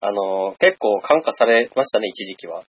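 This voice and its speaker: A man's voice: fairly low pitch, expressive, normal speed, slightly rough, dry recording, lo-fi sound. A man from Hokkaido, a podcast host, chatting easily and laughing often. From Hokkaido, Japan. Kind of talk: casual chat.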